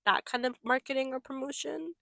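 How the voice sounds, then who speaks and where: A woman's voice: high voice, steady tone, fairly quick, creaky, pushed and bright, no room sound. A young woman as a podcast guest, talking in a reflective, casual way full of "like". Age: young adult. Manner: reflective, lots of "like" and quoted inner thoughts. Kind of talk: casual chat. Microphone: podcast mic.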